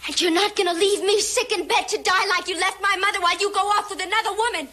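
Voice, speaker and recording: Feverish, paranoid daughter, TV western; high-pitched, piercing, tense and threatening. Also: female voice, steady tone, quick pace, pushed and bright. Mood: bitter accusation. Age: young adult. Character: sick, delusional, bitterly accusing young daughter. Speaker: actor in a TV western. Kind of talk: 1960s television western melodrama.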